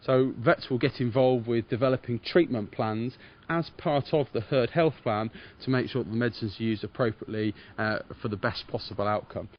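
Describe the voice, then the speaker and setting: A man, a farm veterinarian giving measured, formal explanations in an interview. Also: medium pitch, lo-fi sound. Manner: measured, formal veterinarian explaining carefully in plain professional terms.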